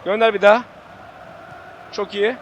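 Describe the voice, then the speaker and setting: A young man with a Turkish accent giving excitable, sweary live commentary on his own football video game match as the channel host, with game music behind him. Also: high-pitched, unhurried, dull audio.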